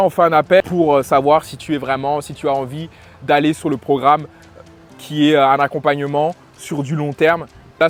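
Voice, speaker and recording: Halting French man, coach vlogging. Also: on the high side. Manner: halting, many fillers and restarts. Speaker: lifestyle and dating coach. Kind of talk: casual opinion vlog.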